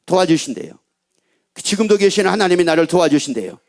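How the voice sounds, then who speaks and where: A man's voice: high voice, animated, a little fast, darkish tone. A middle-aged male pastor preaching a sermon, driving his points home with repeated rhetorical questions to the congregation. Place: church pulpit.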